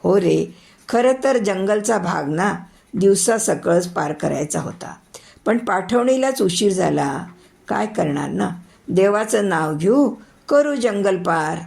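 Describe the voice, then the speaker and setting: A woman reading the lines of a young man traveling home, a steady, commanding brother figure in a spoken story. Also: medium pitch, slow, gravelly. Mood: calm. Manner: urgent commands in the danger scene.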